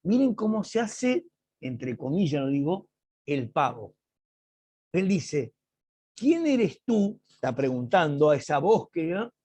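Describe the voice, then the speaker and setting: Husky, slow male Bible teacher. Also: a little high, lively intonation, mellow, no echo. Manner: slow, emphatic explaining with dramatic read-aloud quotes. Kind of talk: online Bible class lecture. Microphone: video call.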